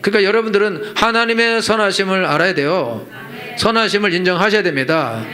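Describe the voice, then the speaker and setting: A man's voice: high voice, expressive, fairly quick, pushed and bright, faint music behind. A middle-aged man preaching a Sunday sermon as senior pastor in a church, emphatic and rhetorical, repeating his points and acting out the complaints of his listeners. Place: church sanctuary.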